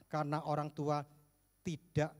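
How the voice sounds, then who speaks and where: A man preaching a sermon as pastor, jumping between emphatic bursts and hushed low asides, with jokes along the way. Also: completely flat delivery, unhurried. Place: church sanctuary. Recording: echoey church hall.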